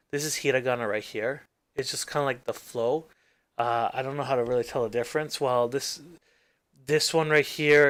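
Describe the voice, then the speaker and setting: With a clean, mid-range voice and no room sound, this native English speaker runs a gaming channel and talks casually over a screen recording. As he works on screen he thinks aloud, drifting through rambles that fade into mumbles.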